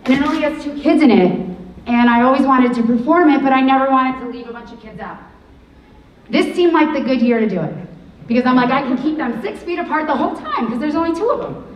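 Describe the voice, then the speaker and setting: A woman who is a drama teacher gives a rambling, enthusiastic welcome speech from a school auditorium stage. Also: high voice. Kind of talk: welcome speech to a live audience. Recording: echoey hall, far from mic, faint hiss.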